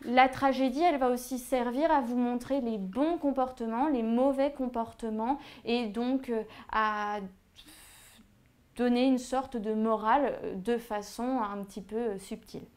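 A woman's voice: a little high, fairly even intonation, measured pace, a little mellow. A young woman teaching an exam revision lesson, hesitant and full of fillers as she writes on a board. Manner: hesitant, many "euh" fillers. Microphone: writing on a board while talking.

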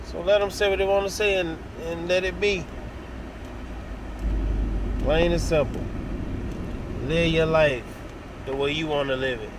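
A fairly high-pitched, middle-aged American man vlogs unhurriedly, his intonation fairly even and his speech spaced with long pauses. Into a phone at arm's length, he gives a casual, blunt opinion rant full of swearing from inside a vehicle cab, parked or moving. Vehicle noise is plain in the recording, with car and AC hum in the background.

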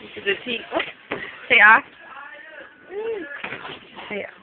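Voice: mid-range voice, steady tone, slow pace. A friend filming a home video, teasing and egging the others on, heard through old camcorder audio. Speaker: friend filming behind the camera. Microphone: built-in camcorder mic. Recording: tinny lo-fi camcorder audio with loud hiss.

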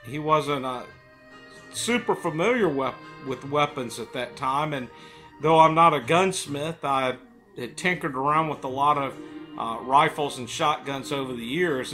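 Bright-voiced man storytelling with pipe in mouth. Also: a little high. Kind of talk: casual storytelling monologue to camera. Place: living room, indoors.

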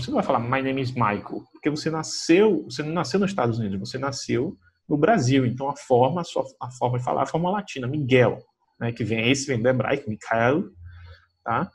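A Brazilian man gives a recorded English lesson to a school class. His voice is a little husky and sits at an ordinary pitch. He talks in a loose, chatty way and drops to a slow, careful pace to read English examples. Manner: chatty, many fillers like "né" and "tá"; slows right down to read English example sentences. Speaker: English teacher.

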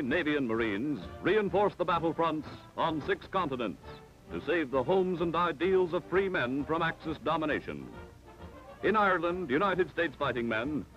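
Man announcing an old wartime newsreel. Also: on the high side. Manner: grand, declaiming announcer delivery. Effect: old newsreel sound. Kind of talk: 1940s wartime newsreel narration. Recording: dull lo-fi 1940s newsreel audio with music. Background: faint music.

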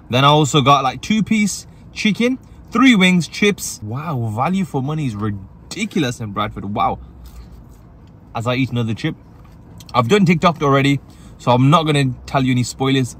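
An English man sits in a parked car eating and reviewing food, chatty and upbeat, for his casual food review vlog as channel host. His voice is medium in pitch, with a little hiss or hum on the recording.

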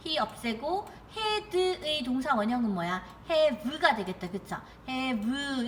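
A young woman teaching an English grammar lesson online, asking her students questions and reading the example sentences slowly. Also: high-pitched, fairly bright tone, slight background noise. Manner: coaxing, asks students rhetorical questions. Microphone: computer mic while writing with a mouse.

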